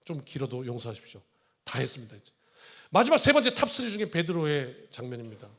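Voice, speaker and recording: A man's voice: a little high, fast. A male pastor preaching a sermon in a church, acting out the lines of the people in his story with changing voices. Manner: animated, acts out dialogue in shifting voices. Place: church sanctuary.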